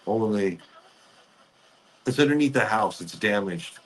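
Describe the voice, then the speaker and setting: A man speaking as a spirit medium, relaying messages in short, halting fragments during a ghost box session. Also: on the low side, animated, poor audio.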